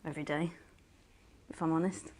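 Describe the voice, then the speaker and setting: A woman voicing a posh female TV news anchor in a game, smooth on air but awkward and pleading underneath. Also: low-pitched, fairly even intonation, moderate pace, a crowd in the background, lightly acted. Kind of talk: scripted game voice acting.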